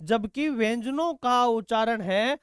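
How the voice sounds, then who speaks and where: A man's voice: very high voice, unhurried, clean tone, no room sound, clean studio sound. A male teacher taking students through exam quiz questions, asking questions and answering them himself and calling students "beta". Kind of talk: exam-prep quiz lesson.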